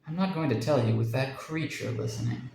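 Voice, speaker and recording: A man's voice: medium pitch, a little fast, gravelly, darkish tone, slight background noise, close to an everyday voice. A man voicing a fretful young wife with a raised, insistent delivery, in a roomy recording.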